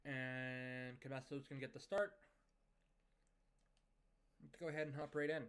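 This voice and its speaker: Man calmly recapping hockey game scores. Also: medium pitch, unhurried, smooth. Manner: steady, conversational recap of scores and lineup moves. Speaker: video game commentator. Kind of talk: casual play-by-play commentary over a hockey management game.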